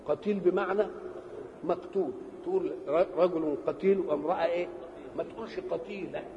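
A man with an Egyptian Arabic accent giving a religious lesson. He asks questions and answers them himself, and he stretches key words slowly for emphasis. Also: high-pitched, fairly even intonation, muffled recording. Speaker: religious teacher. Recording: reverberant hall with faint background noise.

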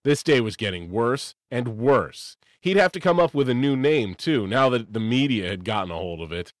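A man narrating a story expressively, lifting his pitch for emphasis. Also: lively intonation, normal speed, no room sound, studio quality.

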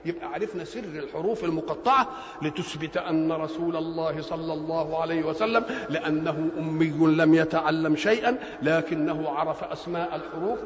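A man's voice: a little high, brisk. A man with an Egyptian Arabic accent giving a religious lecture, asking rhetorical questions and letting the listeners answer. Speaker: preacher. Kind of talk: religious lecture explaining scripture. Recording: roomy hall with long reverb.

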